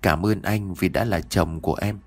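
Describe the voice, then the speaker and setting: A man's voice: deep voice, normal speed, slightly rough. A man voicing a devoted young wife in an audio story, anxious and pleading. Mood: tender.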